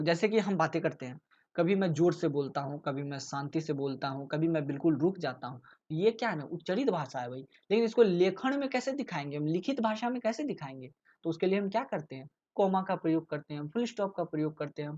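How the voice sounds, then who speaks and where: A man's voice: high-pitched, a little mellow. Man tutoring casually, dull lo-fi sound. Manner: explains with rhetorical questions, often adds "ठीक है". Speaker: tutor explaining exam topics. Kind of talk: casual lecture.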